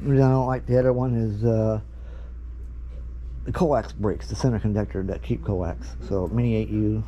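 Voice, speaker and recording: An American vlogger with a lowish, warm, steady voice walks through radio gear inside a busy store at a moderate pace, giving off-the-cuff opinions on what listeners should buy. The audio is muffled, with slight background noise and other shoppers chatting.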